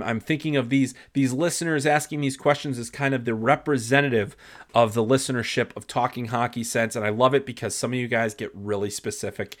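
Male podcast host, mid-pitched, nasally stuffed up from a cold, chatty and loose. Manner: chatty, rambling with fillers. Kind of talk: solo podcast monologue.

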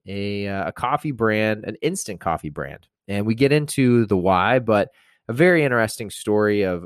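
A podcast host with a lowish voice reads a sponsor spot and introduces a guest in a loose, upbeat manner, dropping in casual fillers. The recording is dry and studio quality.

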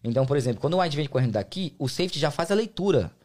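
A man's voice: on the high side, expressive, rapid-fire, a little mellow. A man with a Brazilian Portuguese accent, explaining American football in slangy, casual interview talk as a player and guest. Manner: slangy, colloquial, explains with examples.

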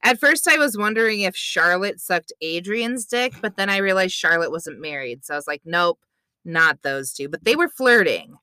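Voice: medium pitch, big pitch swings, normal speed, hardly any pauses, sharp tone, smooth, dry recording. An adult podcast co-host in casual chat, teasing and making crude jokes.

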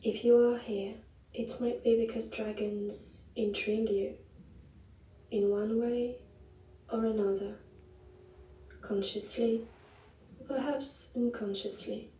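A woman narrating a guided meditation in the gentle, hushed, unhurried manner of a sleep story narrator, with long pauses. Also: a little high, fairly even intonation. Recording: roomy echo, distant mic, music behind. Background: music.

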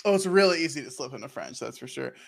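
A man's voice: mid-range voice, animated, quick pace, gravelly. A man co-hosting a podcast in casual chat, gushing enthusiastically. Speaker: podcast co-host.

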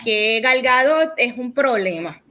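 A woman's voice: a little high, animated, unhurried, pushed and bright. A woman hosting a casual podcast chat, talking animatedly and mixing English words into her Spanish. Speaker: podcast host.

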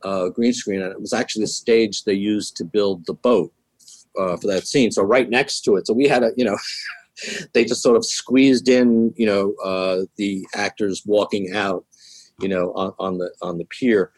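A man's voice: fairly low pitch, fairly even intonation, moderate pace, no echo. A man talking as an interview guest, hesitant and leaning on lots of fillers. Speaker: guest, visual effects professional. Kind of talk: casual interview chat.

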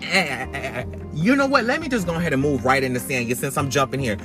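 A man giving sassy, emphatic, opinionated casual commentary as a podcast host, talking loudly as if to be heard over rain. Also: medium pitch, lively intonation, quick pace. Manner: emphatic, sassy, swearing freely. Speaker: podcast host reviewing reality TV. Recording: iPhone recording with background music. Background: rain and music.

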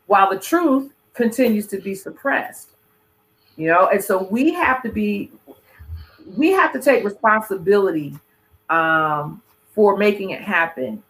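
A host in casual conversation, explaining points in a measured way. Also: medium pitch, a bit bright, rough recording.

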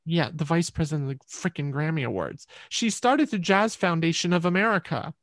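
A woman guest telling an animated personal story in an interview over a video call, acting out the voices of people in it. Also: sits low, brisk, no echo. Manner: expressive, acts out quoted voices.

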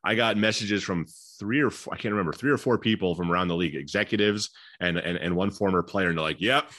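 A man co-hosting a casual hockey podcast, telling stories quickly and animatedly and slipping into quoted voices. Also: sits low, a bit bright, dry recording, studio quality. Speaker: hockey beat reporter and podcast co-host. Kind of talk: casual sports chat.

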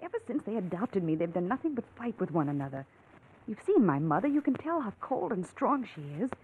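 Heard over narrow-band old radio with faint noise, a young adult actress pleads urgently for help as a desperate, earnest farm woman in a 1940s radio drama. Her mid-range voice is husky and sing-song, and she speaks briskly.

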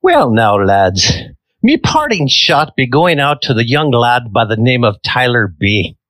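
A man's voice: medium pitch, sing-song, a little slow, a bit bright, no echo. A man voicing a jolly Irish-accented sailor who calls everyone lads, on a podcast. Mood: hearty. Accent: put-on Irish. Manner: hearty, calls listeners lads. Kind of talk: podcast sign-off, comic voice.

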